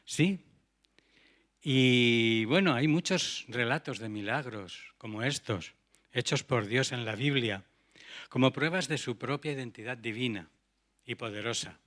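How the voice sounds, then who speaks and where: A man's voice: mid-range voice, measured pace, fairly bright tone. Earnest male preacher. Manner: earnest, rhetorical questions to the congregation. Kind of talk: sermon.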